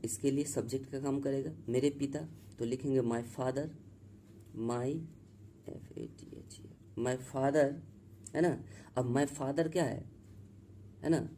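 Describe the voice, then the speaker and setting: In this Hindi-language English grammar class, the male teacher goes slowly, repeats himself, spells out words letter by letter, and keeps asking the class if they follow. He has a mid-range, dark-toned voice, and slight background noise is present.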